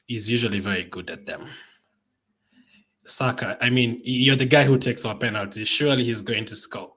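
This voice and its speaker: A man's voice: medium pitch, normal speed, bright, forceful tone. A man hosting a live football watch-along, anxiously pleading and reacting to a penalty shootout. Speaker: football fan channel host.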